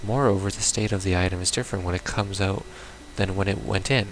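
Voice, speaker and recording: A let's player reads a visual novel aloud as he plays, tossing in casual, sardonic and blunt reactions. His voice sits low and steady, moving a little fast, with music playing behind it.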